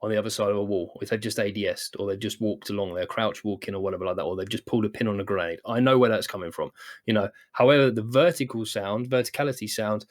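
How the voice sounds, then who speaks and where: A British man from the United Kingdom hosts a podcast in a fairly low, fast voice. He rambles casually through the chat, leaning on lots of "you know" and frequent restarts.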